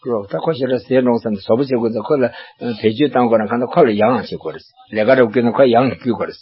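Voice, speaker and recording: An older man, a monastic teacher, gives a religious teaching, explaining at length and checking in with rhetorical questions. His mid-range voice is husky and very fast. The recording is dull and lo-fi, with faint background hiss.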